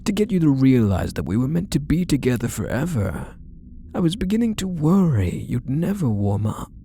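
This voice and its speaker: A man murmurs as a possessive yandere husband in an intimate ASMR roleplay, his doting condescension carrying a quiet menace. Soft and coaxing, he lingers over his condescending endearments and phrases, his creaky, mellow voice swinging widely in pitch. There's slight background noise.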